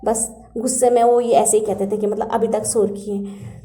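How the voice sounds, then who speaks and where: A woman's voice: mid-range voice, a little fast. A woman earnestly and animatedly recounting her spiritual experiences as a personal story. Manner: earnest and animated, acts out quoted words. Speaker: devotee sharing spiritual experiences. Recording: echoey room.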